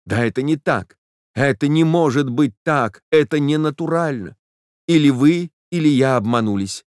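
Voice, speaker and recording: A man's voice: mid-range voice, expressive, moderate pace, no echo, studio quality, voice pushed up, lightly acted. A man reading an audiobook, voicing a heartbroken young woman who pleads through tears with a breaking voice. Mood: pleading. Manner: tearful, imploring, breaking voice. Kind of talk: audiobook character voice.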